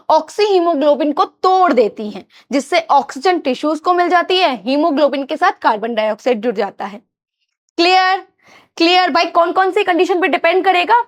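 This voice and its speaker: A woman with a high, bright voice teaches a biology class with an Indian accent. She keeps asking her students questions and then answers them herself, calling them "children". Her explanations are patient and repeat the same points. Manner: often addresses students as children. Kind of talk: classroom lecture.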